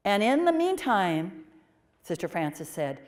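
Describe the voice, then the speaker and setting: A woman portraying a pioneering 1830s nun, telling her story in the first person with expressive swings from emphatic to hushed. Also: medium pitch, slow pace. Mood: earnest. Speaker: performer of a historical portrayal.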